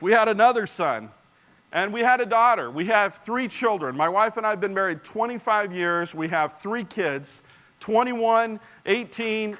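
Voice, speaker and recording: A bright, forceful man in his forties preaching through a personal story. He speaks earnestly and slightly high, turns to the audience often, and falls to a near hush at the tender parts. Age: 40s. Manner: earnest, drops to a soft hushed voice for tender moments; engages the audience directly. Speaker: speaker addressing a congregation. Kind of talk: storytelling sermon.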